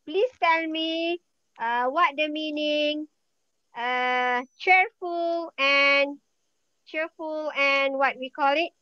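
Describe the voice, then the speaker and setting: A woman's voice: high voice, very slow, sharp tone, dry recording, lo-fi sound. A woman teacher, patiently calling on students by name during an online language class.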